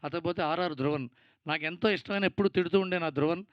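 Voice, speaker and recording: Telugu-accented man giving a stage speech at an event, slightly high voice, thanks cast and crew, rambles and teases. Dry, dull mic sound. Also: fast talker, no room sound.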